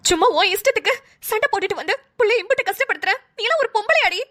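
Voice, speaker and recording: A sharp-tongued old village mother from a family cartoon who scolds loudly but dotes on the baby, as a woman voices her. Her voice is very high and bright, and she nags dramatically. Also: expressive, racing. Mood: scolding. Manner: loud, nagging, dramatic. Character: scolding elderly village mother, blunt and caring. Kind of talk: cartoon voice acting.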